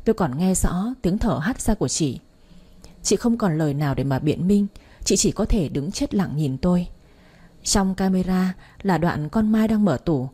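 A woman narrating a dramatic family story in the first person, in a steady storytelling way. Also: fairly low pitch, breathy edge.

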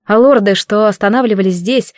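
In this audiobook, a young maid and healer answers quietly and evenly, keeping her dignity, as a woman narrator reads her. The sound is close and dry, with no room around it. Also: mid-range voice, brisk, no echo, close to an everyday voice. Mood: cool. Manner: quiet, restrained, soft-spoken.

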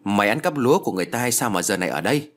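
A man's voice: mid-range voice, sing-song, fairly quick. A man voicing a drunk, arrogant village official who barks orders. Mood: bossy. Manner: gruff, bossy.

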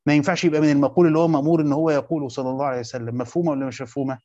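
A man's voice: a little high, fairly even intonation, very fast, mellow, dry recording, muffled recording. A man with an Egyptian accent teaching a lesson on a religious text, asking questions and then answering them himself. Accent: Egyptian Arabic. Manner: checks with listeners whether points are understood. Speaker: teacher of Quran commentary. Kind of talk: classroom lesson explaining a text.

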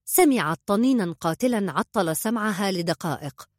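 Woman narrator, audiobook reader, even storytelling, dry close sound. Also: medium pitch, normal speed, no room sound.

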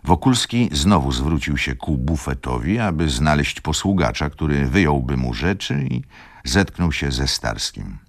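A man narrating a classic novel for radio, with a very deep, gravelly voice. His reading is theatrical and lively in pitch. The sound is dry and close. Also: measured pace. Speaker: reader.

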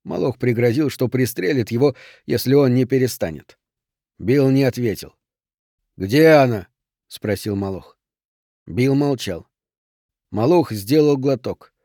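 A man narrating an audiobook in an even, measured way. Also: mid-range voice, no echo, clean studio sound.

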